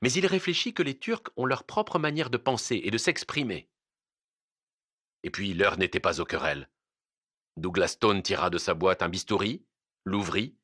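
Man reading a story aloud, deep-ish but bright voice, swoops around a lot, dry close sound. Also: no echo. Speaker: narrator. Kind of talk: audiobook narration.

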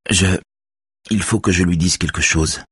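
A grieving man speaks in tense, broken phrases, voiced by a male reader. The voice is very deep and husky, recorded dry and close. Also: fairly bright tone, no echo, exaggerated voice. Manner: tense, halting.

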